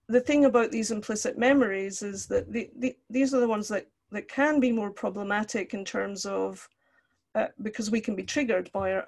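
Lecturing online from an indoor room, this older counselling lecturer from Scotland speaks in a gravelly, medium-pitched voice. She explains conversationally over the video call, weaving in personal examples.

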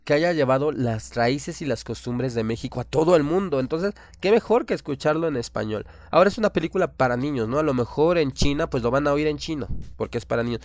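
A man's voice: fairly high pitch, fast talker, few pauses, dry recording. A man with a Mexican accent hosting a radio show, delivering an impassioned, opinionated monologue full of rhetorical questions.

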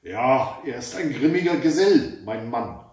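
A man voicing a hundred-year-old giantess with a long nose, a troll's wife, who talks in shrill exclamations, recorded in a very echoey room from a distance. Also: lively intonation, measured pace, a little mellow, natural voice. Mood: exclaiming.

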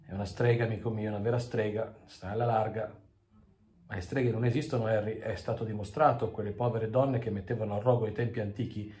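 A man doing a gruff, urgent trucker. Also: lowish voice, fairly even intonation, fairly quick, a little mellow, natural voice. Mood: warning. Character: gruff male trucker, warning and wary. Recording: echoey room with faint music.

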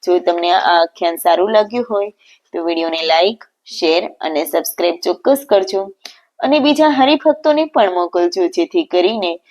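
A woman telling a devotional story as scripted narration, in a measured, reverent recitation. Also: fairly low pitch, animated, a little mellow, lo-fi sound.

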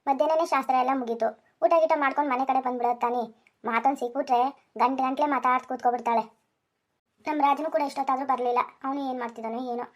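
A woman's voice: sits high, fairly even intonation, rapid-fire, muffled recording. A woman voicing a fussy middle-aged village farmer husband in a cartoon, grumbling and nagging. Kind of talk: Kannada cartoon voice acting.

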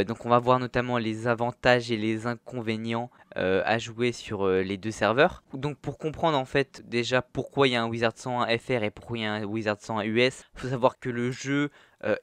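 A man's voice: medium pitch, a bit bright, smooth, no room sound. A young man giving casual commentary over his gameplay as a gaming video host, chatty and full of hesitations. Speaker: gaming youtuber.

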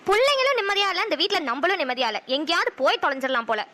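A woman voicing a sharp-tongued but loving village mother with a Kanyakumari Tamil accent, who talks briskly and snaps back quickly. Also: extremely high pitch, very animated, dry recording, full character voice. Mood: scolding. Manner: brisk, chatty, quick retorts.

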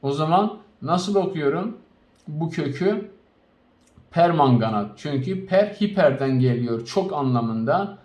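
A man teaches chemistry in a recorded lesson, his voice sitting a little higher than most men's. He stretches each compound name out slowly and keeps circling back to recap the rules. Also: animated, a little mellow. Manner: slow, spelled-out naming of compounds with frequent recaps; addresses students directly.

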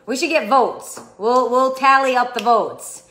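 A woman with a bright, forceful voice hosts a casual home livestream. She talks playfully and teases her co-host. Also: fairly high pitch, unhurried. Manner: playful, teasing.

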